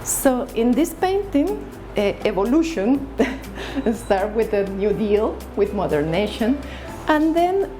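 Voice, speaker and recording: A Salvadoran woman artist speaks Spanish-accented English slowly in her studio, explaining her paintings. Her pitch rises and falls a great deal, and she hesitates often, with many fillers and restarts. Faint music plays behind her. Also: sing-song, warm tone, poor audio.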